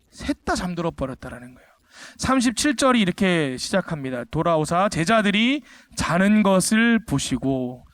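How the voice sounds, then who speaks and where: A male pastor delivering a sermon with a notably high voice for a man. He preaches emphatically, peppering the congregation with rhetorical questions and climbing sharply when he presses a point. The sound is close and dry, with no room echo. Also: fairly bright tone. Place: church service.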